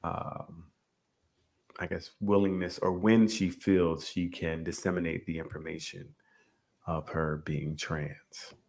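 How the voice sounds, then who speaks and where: A man's voice: sits low, flat delivery, takes it slowly, vocal fry, a little mellow. A man hosting a casual radio panel chat, upbeat and joking as he calls on his co-hosts. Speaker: radio show host.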